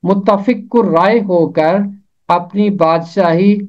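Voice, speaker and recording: Man teaching pronunciation slowly, muffled recording. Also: high-pitched, darkish tone. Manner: repeats each word slowly and carefully. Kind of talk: slow, deliberate pronunciation lesson.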